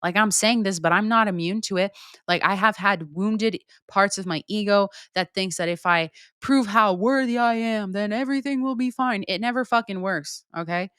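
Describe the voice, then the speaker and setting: A woman's voice: mid-range voice, normal speed, a bit bright, smooth, dry recording, clean studio sound. A young woman speaking in a casual, candid monologue as a podcast host, unfiltered and swearing casually. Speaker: podcast host answering listener questions.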